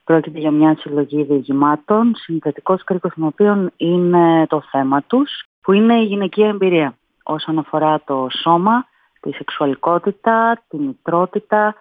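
A woman author giving a calm, measured reading of her own short story for a radio program. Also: lowish voice, no room sound. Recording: tinny phone-like line, dry.

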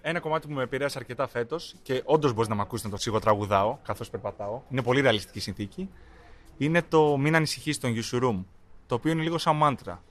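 A man, a poet guest, talking in a thoughtful, relaxed and colloquial way. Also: mid-range voice. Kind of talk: casual reflective talk.

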